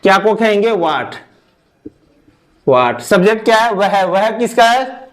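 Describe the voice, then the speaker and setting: Slow-talking teacher. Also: male voice, sits high, very animated, a bit bright. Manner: slow, repeats each step, mixes English into Hindi. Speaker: English teacher. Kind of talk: online grammar lesson.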